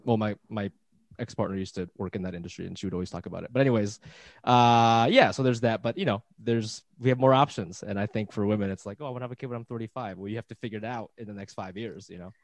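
A man's voice: on the low side, quick pace, no echo. Rambling man in his thirties. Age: 30s. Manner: rambling, self-interrupting, excitable. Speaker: podcast co-host guest. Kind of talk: casual podcast chat.

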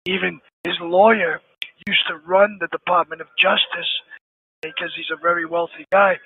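A man's voice: high-pitched, little pitch movement, moderate pace, husky. A man calling in from prison over a phone line, talking earnestly and stressing his points by repeating them. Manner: earnest, emphatic, repeats key phrases. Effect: heard over a prison phone line. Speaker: caller, an inmate phoning in. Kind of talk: phone interview.

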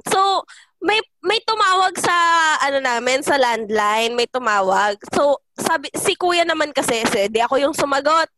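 A young woman telling a story in casual chat with friends, animated, laughing and acting out shouts. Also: high-pitched, normal speed. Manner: animated, laughs often, acts out shouts and voices in her stories. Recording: noticeable background noise.

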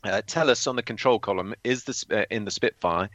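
A man's voice: on the low side, fast talker, fairly bright tone, no room sound. A man who is a former display pilot, telling flying stories on a podcast with dry, teasing banter. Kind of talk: casual podcast chat. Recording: dull lo-fi, dry sound.

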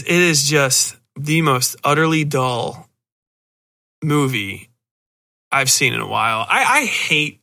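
A slightly high, sharp-toned male voice delivers a horror movie review on his podcast. The talk is casual and meandering, blunt and foul-mouthed, with a sardonic streak and frustrated asides.

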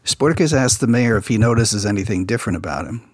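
A low-voiced man talks fast on his podcast, with no room sound, recapping a children's TV episode in a casual way. He recounts production details and behind-the-scenes stories like a relaxed insider.

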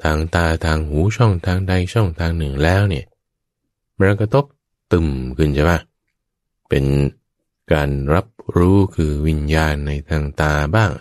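A man preaching a Buddhist sermon to his listeners, telling it in a lively way with vivid sound words and playful asides, and often speaking straight to the audience. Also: sits low, a little slow, dry recording, clean studio sound. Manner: keeps addressing the listeners directly.

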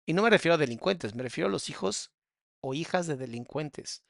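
Sarcastic gravelly Mexican man. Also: a little high, animated, brisk, no echo, clean studio sound. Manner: mocking, sarcastic, crude. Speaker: psychologist reacting to a video. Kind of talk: sarcastic reaction commentary.

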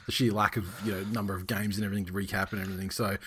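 A man's voice: fairly low pitch, little pitch movement, very fast, a bit bright. Australian male podcast host, rambling and sweary, slight background noise. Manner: rambling, repeats and rephrases himself. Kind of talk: casual banter, heavy swearing.

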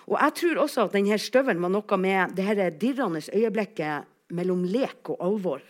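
A woman tells a personal story in an animated, theatrical way, with her voice rising and falling widely. She speaks at a medium pitch and acts out the quoted moments with bursts of volume. She has the ease of a seasoned actress telling a tale. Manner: animated, acts out quotes with big shifts in loudness.

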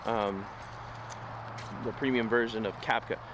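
A man hosting a walking vlog speaks a bit slowly in a steady, lowish voice that is wearing out. Out on a noisy city street, he rambles casually and upbeat, motivating whoever is watching.

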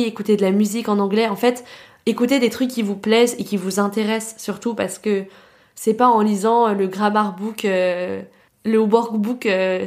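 With a medium-pitched, darkish voice, a young woman from France runs her own laid-back podcast. She chats in slang and peppers her talk with fillers.

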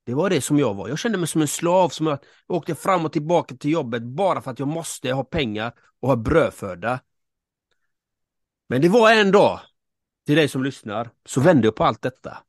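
A man's voice: a little high, animated, dry recording, studio quality. A man co-hosting a podcast, telling a personal story earnestly, with emphatic repeats and asides to the listener. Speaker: podcast co-host, coach. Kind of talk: casual podcast chat.

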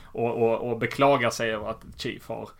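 A man in a casual podcast, animatedly walking through a comic book's plot with frequent laughs. His voice sits at a middling pitch, and his talk is loose and chatty, full of small restarts. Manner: animated retelling, laughs often. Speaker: podcast host. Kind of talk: casual comic book recap.

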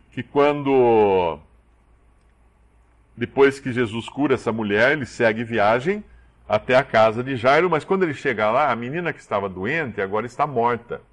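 A man's voice: medium pitch, moderate pace. A man preaching a sermon, acting out the dialogue he quotes. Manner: animated, acts out quoted dialogue.

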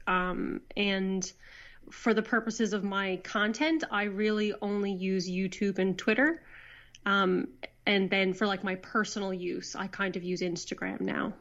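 A woman's voice: medium pitch, steady tone, unhurried, fairly bright tone. A woman from Newfoundland with an Irish-tinged Newfoundland accent, chatting casually as an interview guest. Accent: Newfoundland with Irish colouring. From Newfoundland, Canada. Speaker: interview guest, online video creator. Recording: dull, lo-fi internet call.

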